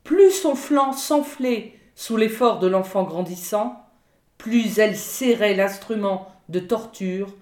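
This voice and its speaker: Slow, expressive woman narrating a story. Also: mid-range voice. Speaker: audiobook reader. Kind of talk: literary narration. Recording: roomy echo.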